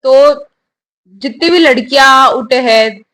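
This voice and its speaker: A young woman with a bright, high voice answers interview questions. She speaks in a steady, earnest way and gives advice. Her tone is sincere and unhurried. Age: young adult. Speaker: newly commissioned army officer, interviewee.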